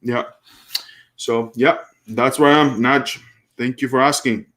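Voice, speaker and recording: A man in his thirties, originally from Kuwait, runs a laid-back live stream where he reads and responds to viewer comments. His medium-pitched voice is steady, a bit bright, and unhurried, and his loose delivery includes frequent restarts as he thinks.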